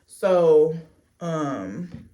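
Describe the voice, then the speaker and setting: A woman's voice: low voice, expressive, mellow, lo-fi sound. A woman vlogger chatting casually through a storytime as she gets ready, blunt and sassy, swearing freely in a stop-and-start delivery. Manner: unhurried stop-and-start delivery while doing a get-ready-with-me.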